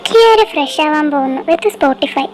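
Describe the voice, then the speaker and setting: A woman's voice: sits high, expressive, a little slow, soft background music. A young woman narrating a fan dub drama in a wry, chatty way. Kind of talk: casual storytelling narration.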